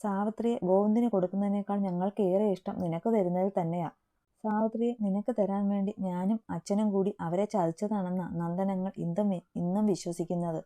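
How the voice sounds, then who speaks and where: A woman's voice: medium pitch, fairly even intonation, a little fast, mellow, close to an everyday voice. Woman reading a hurt, loyal young man. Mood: gentle.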